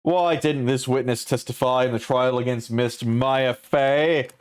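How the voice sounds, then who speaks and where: A man's voice: mid-range voice, steady tone, smooth, lightly acted. A man doing a nervous young defense lawyer. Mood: anxious. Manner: fretful inner monologue, quick and wondering. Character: young male defense lawyer, anxious and determined. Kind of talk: live-streamed game script read-aloud.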